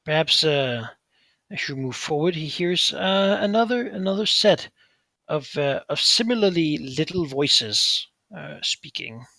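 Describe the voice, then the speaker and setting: A man running a tabletop role-playing game as game master, improvising his narration and halting as he searches for words. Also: on the high side, expressive, vocal fry, bright, forceful tone, no echo.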